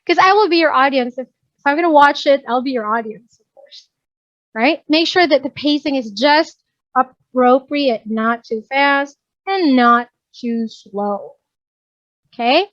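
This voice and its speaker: In this casual instructional session, a woman trainer speaks with a Filipino English accent, her voice sitting high with a fairly bright tone and an unhurried pace. She blends Tagalog and English, regularly asking whether she's been understood, while teaching workplace communication. The audio is dry and dull.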